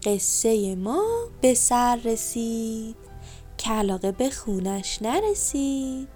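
A woman with a high, light voice narrates a bedtime story for children. She speaks gently and turns to the little listeners with questions. Soft music plays faintly behind her. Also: animated. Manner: gentle, addresses children directly.

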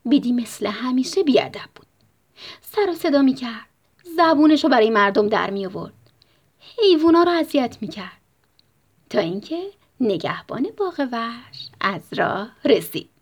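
A woman reading a bedtime story with a husky, breathy voice. Her pitch swings expressively and she often slips into a whisper. She speaks gently to young listeners. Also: very animated, long pauses.

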